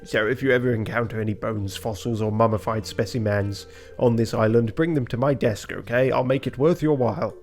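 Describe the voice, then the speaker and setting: A man's voice: mid-range voice, a little fast, hardly any pauses, a little mellow, faint music behind, close to an everyday voice. A man voicing a chatty, very old male professor in a video game, reading his dialogue aloud. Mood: businesslike. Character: chatty old male professor, cheerfully eccentric cave survivor.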